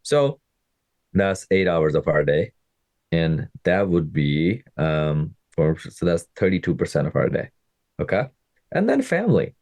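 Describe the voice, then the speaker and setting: Speaking low and deep in a sing-song, unhurried way, a Pakistani fitness coach in his thirties hosts a casual motivational podcast, often checking in with listeners. His darkish voice is recorded close and dry, with no echo or room sound.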